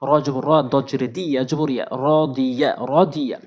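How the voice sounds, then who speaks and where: A man teaching Quran reading, slowly spelling out Arabic syllables and repeating each one as a drill. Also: mid-range voice, fairly even intonation, dark tone.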